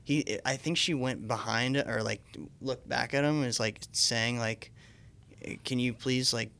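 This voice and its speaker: A man's voice: mid-range voice, moderate pace, creaky, a bit bright. A man co-hosting a podcast, telling a story in casual chat, rambling with lots of fillers and restarts. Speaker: podcast co-host. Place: Tampa area.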